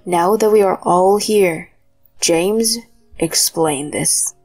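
A woman voicing a stern older grandfather who speaks low and deliberately. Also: a little mellow, soft background music.

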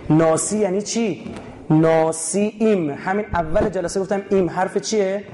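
A man from Iran giving an animated religious lecture to a live audience, asking rhetorical questions and explaining words one by one. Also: high voice. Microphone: recording his own lecture.

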